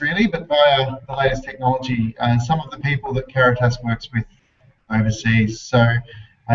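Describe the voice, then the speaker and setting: A man hosting a live video call for schools, giving formal, measured introductions with frequent pauses. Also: mid-range voice. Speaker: host. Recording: distant, muffled video call audio.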